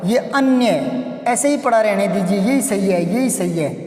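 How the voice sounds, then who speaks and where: A man teaching a Hindi grammar lesson, repeating words and sounding out letters slowly. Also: high-pitched, a little mellow, soft background music. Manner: repetitive, drills sounds aloud. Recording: echoey room with long reverb.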